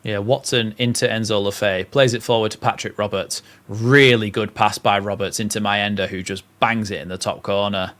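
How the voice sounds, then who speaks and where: A young man from the north of England commentates a live football match on a watchalong stream, talking with few pauses at a moderate pace. His voice is fairly low, fairly even in intonation and a bit bright. He blends play-by-play calls with viewer comments he reads aloud.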